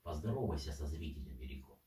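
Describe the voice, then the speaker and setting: A man's voice: very deep voice, very animated, quick pace, warm tone. A man chatting casually to his pet, in a teasing, coaxing manner. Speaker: parrot owner. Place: indoor room, off camera. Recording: echoey room, distant microphone.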